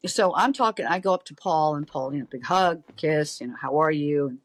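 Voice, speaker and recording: Recorded dry, this middle-aged woman's voice sits low and moves a little fast. She's a guest on a podcast, casually recounting a story with lively energy and performing the voices of anyone she quotes.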